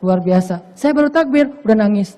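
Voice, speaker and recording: A man's voice: high voice, expressive, brisk, mellow. A man giving a casual, humorous sermon in a playful, slangy way. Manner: playful, slangy, acts out quoted voices. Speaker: preacher.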